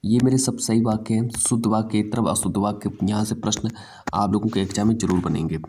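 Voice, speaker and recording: A man with a low, mellow voice runs through an exam-prep language lesson. He drills each word again and again and keeps calling the students "bhai". His delivery is easy and unhurried. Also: fairly even intonation, a little hiss or hum. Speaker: teacher.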